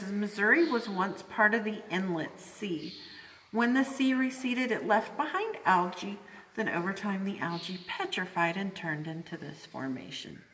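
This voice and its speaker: A woman's voice: medium pitch, fairly bright tone, distant mic. A woman working as a cave tour guide, explaining things informally to a group of visitors inside a large cave. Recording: very echoey cave, long reverb, background noise.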